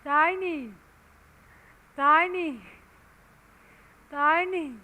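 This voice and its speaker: A woman teacher with a Vietnamese accent, whose first language is Vietnamese, drilling English words one at a time and repeating each one clearly and deliberately. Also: high-pitched, pushed and bright, low-quality recording. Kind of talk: slow word-by-word pronunciation drill.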